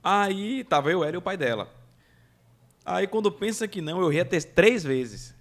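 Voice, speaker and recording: Animated man telling a story. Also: sits high, normal speed. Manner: animated, laughing anecdotes. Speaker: podcast guest, event producer. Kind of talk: casual storytelling chat.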